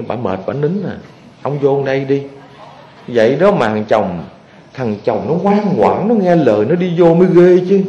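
A man, a Buddhist monk, preaching to his followers in a lively storytelling manner and often asking the audience questions. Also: fairly high pitch. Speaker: Buddhist monk giving a dharma talk. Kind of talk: sermon to lay followers. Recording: echoey hall.

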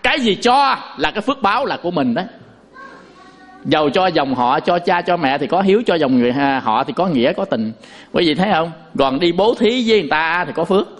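A man preaches a Buddhist Dharma talk, his voice sitting high for a man. He is folksy and animated and keeps checking in with his listeners through rhetorical questions. Humorous asides lighten the lesson. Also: brisk. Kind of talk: Dharma talk to a lay congregation.

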